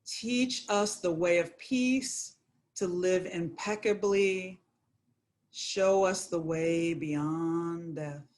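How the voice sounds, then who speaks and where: A woman guiding a yoga nidra meditation, speaking in a slow, soothing, prayerful way. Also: fairly low pitch, a little mellow. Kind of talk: guided meditation.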